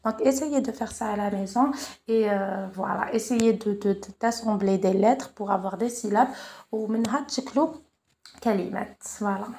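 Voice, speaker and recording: A woman with an Algerian accent gives a home lesson to young pupils as their French teacher. Her pitch sits in the middle for a woman, and her delivery is patient and steady. She pauses to check understanding and slows right down to sound out words. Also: vocal fry, slight background noise. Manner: slows and stretches words when spelling them out. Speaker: primary school French teacher.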